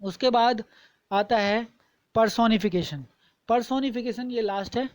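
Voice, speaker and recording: A woman teaching a lesson, explaining terms patiently, repeating points and reading examples slowly and deliberately. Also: a little high, a little mellow, no room sound, low-quality recording.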